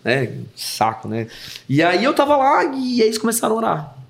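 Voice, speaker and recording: A man with a Brazilian Portuguese accent, a worship pastor and podcast guest, telling a story in a casual, animated, slangy way and acting out the people in it. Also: high voice, moderate pace, vocal fry. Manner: animated, acts out remembered dialogue in his story; slangy, informal. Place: podcast studio.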